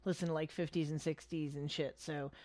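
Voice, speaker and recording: A woman's voice: deep voice, level tone, a little fast, darkish tone. A young adult woman co-hosting a casual show, telling her rideshare driving stories in a blunt, profane, exasperated way. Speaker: co-host and rideshare driver. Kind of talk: casual storytelling chat.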